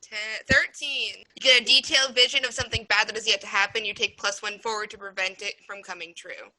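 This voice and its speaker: A woman's voice: mid-range voice, fairly even intonation, fast talker, bright, forceful tone, low-quality recording. A woman speaking casually as a player in a tabletop role-playing game.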